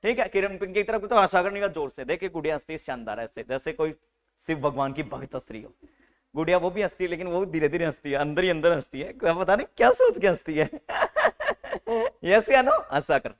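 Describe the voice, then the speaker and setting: A man teaches a live nursing class, his slightly raised voice carrying across the room as he teases and coaxes the students. He drops English medical terms into an animated, joking delivery. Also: a little high, fast talker. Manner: animated, teasing, mixes Hindi with English terms.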